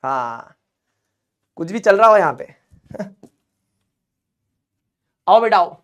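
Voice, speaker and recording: A male chemistry teacher lecturing in Hindi with lively, teasing energy. He jokes about English spellings and keeps his students hooked. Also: sits high, takes it slowly, lo-fi sound. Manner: animated, joking, mocking spellings.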